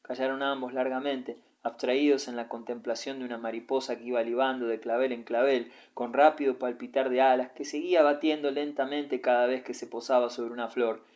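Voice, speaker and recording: A male audiobook narrator reads a classic novel at a steady, even pace. His voice sits at a middle pitch. The delivery is scripted narration. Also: a little fast, hardly any pauses.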